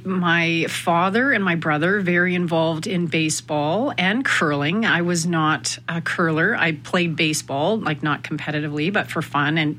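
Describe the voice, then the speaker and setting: A woman's voice: lowish voice, pushed and bright, a little hiss or hum. A woman from Canada, a guest on a radio interview, speaking reflectively with many fillers and restarts. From Winnipeg, Canada. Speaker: guest, sales executive. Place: radio studio.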